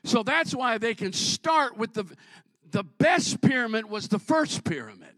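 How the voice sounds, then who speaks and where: Emphatic high-voiced preacher, lively swings. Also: male voice, measured pace, dry recording, clean studio sound. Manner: emphatic preaching, builds to shouts, jokes with the congregation. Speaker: pastor. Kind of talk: sermon.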